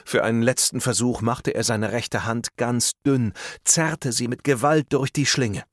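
A man reading a thriller audiobook aloud in a tense, measured storytelling manner. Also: medium pitch, fairly even intonation, no room sound, studio quality. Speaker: audiobook narrator. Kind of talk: scripted narration of a thriller.

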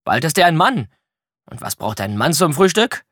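A man voices a grumpy old ghost grandfather from a children's audiobook, blustering and booming. The voice is husky and dry, with big swings in pitch. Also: very animated, moderate pace, a bit bright, no echo.

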